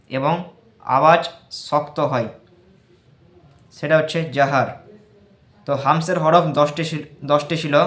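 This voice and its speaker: A man with a Bangladeshi Bengali accent gives a patient recitation lesson, sounding out single letters again and again. His voice sits a little high and stays quite flat. The room around him echoes. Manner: explains slowly, repeats and drills single letter sounds. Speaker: tajweed teacher.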